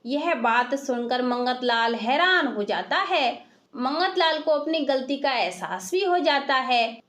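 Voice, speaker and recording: High-voiced woman narrating a storybook. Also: slow. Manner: steady, clear storytelling.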